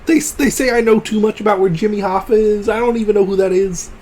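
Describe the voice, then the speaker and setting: A man putting on a high, nervous frog puppet voice that slides out of a Russian accent. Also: darkish tone, a little hiss or hum, lightly acted. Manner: nervous, halting, high and silly.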